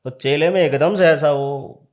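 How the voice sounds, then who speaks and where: A man, a tantric practitioner, telling a true horror story as a podcast guest in a casual, animated way, acting out the dialogue. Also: fairly high pitch, unhurried.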